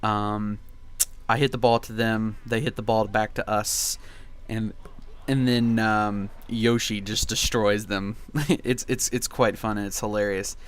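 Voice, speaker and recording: A man's voice: fairly low pitch, steady tone, measured pace, clean tone. A young man reminiscing casually in gameplay commentary, with a laid-back, rambling and nostalgic way of talking. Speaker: video game commentary host.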